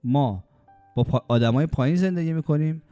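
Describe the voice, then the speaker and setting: Preacher, male, deep mellow tone, exhorting, slow chanted verses, faint music bed. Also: no echo, dull audio. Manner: exhorting, quotes Quranic Arabic in a slow chant; acts out complaining voices in quick high bursts. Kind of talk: religious sermon.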